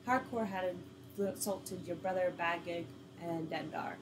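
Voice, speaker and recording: A woman's voice: lowish voice, unhurried, background noise. A woman reading an interactive story game aloud, with casual, laughing asides.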